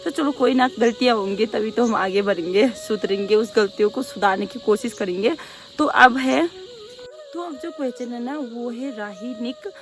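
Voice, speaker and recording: Young woman, quick loud chatter, fairly high voice, casual vlog Q&A. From Pahadi hill region of North India. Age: young adult. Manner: talks very fast and rather loudly. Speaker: vlogger. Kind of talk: casual Q&A chat.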